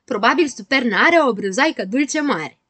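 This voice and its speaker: A woman's voice: slightly rough, no echo, heavily acted. A woman doing boastful little boy Dunno. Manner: cheeky, high and excited, raising the pitch. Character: boastful clueless little boy poet, small and silly.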